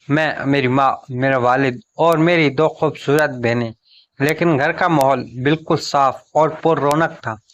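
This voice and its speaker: A man narrates a scripted first-person story at a deliberately slow pace. His voice sits a little above the usual male range, and he delivers each phrase in a measured, even way. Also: a little high.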